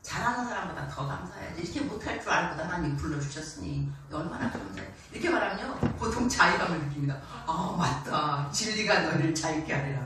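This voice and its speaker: A middle-aged woman missionary preaching a sermon, animated and often laughing as she acts out the voices she quotes. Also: fairly low pitch, quick pace, hardly any pauses. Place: church sanctuary. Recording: echoey church hall, distant mic, faint noise.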